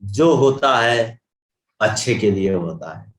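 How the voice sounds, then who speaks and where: A calm, wise royal minister voiced by an older man reassures his king in a steady, measured way. The sound is roomy and echoey. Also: lowish voice, slight background noise, pitched below the performer's own voice. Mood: reassuring. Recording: echoey room.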